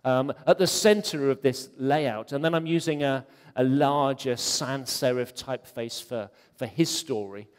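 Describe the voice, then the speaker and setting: In a conference hall with long reverb, a man delivers a chatty, joking web design talk peppered with ums. His medium-pitched voice is clean-toned and unhurried, with hardly any pauses.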